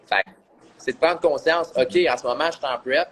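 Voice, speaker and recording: Quebec man talking things through calmly. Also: medium pitch, a little fast, rough recording. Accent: Quebec French. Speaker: co-host. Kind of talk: casual chat.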